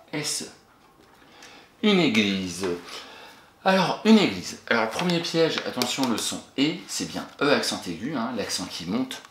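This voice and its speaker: Male primary teacher, animated and encouraging, spells words out slowly, echoey room with light hiss. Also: lowish voice. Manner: encouraging, talks to an absent pupil and pauses for answers. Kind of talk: recorded spelling lesson for a child. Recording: echoey room with faint noise.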